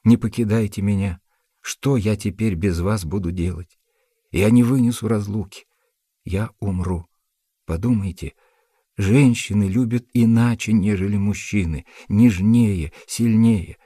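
A man's voice: lowish voice, lively intonation, normal speed, warm tone, slightly rough, no echo, clean studio sound. A man voicing a jilted young woman in a storybook reading, threatening revenge and pleading desperately. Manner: threatening, then tearful and pleading.

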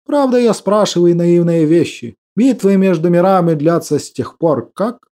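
A man voicing a talkative, eccentric male hospital patient, speaking slowly and deliberately in a warm voice. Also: high-pitched, close to an everyday voice. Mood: musing.

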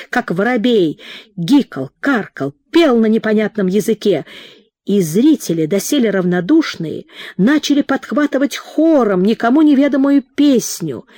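Slow, measured woman storyteller. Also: fairly high pitch, a little mellow, no echo, clean studio sound. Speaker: narrator. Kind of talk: audiobook reading.

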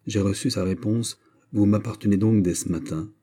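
A man voicing a proud young king in an audiobook, speaking in a lofty, commanding way, higher than his narration. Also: normal speed, dark tone, husky. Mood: gracious. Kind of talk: audiobook character voice.

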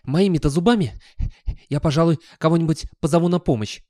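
A man's voice: mid-range voice, animated, normal speed, warm tone, no room sound, clean studio sound, voice pushed up, natural voice. A man voicing a grumpy, scruffy old talking dog who grumbles, wheezes and talks with sarcasm. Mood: bossy.

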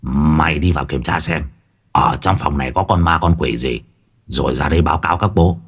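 A man voicing a gruff, foul-mouthed male shaman who barks his orders. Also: extremely low pitch, brisk, fairly bright tone, voice pushed down, full character voice. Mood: gruff, impatient. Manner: gruff, barking.

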